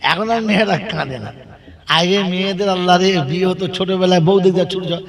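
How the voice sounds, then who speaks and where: Man preaching a waz sermon, West Bengal Bengali accent, high voice, loud crowd behind. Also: steady tone, quick pace, vocal fry. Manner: chanted sung opening, then storytelling that questions the crowd. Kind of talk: Bengali waz sermon with sung verses and anecdotes. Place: religious gathering with a crowd.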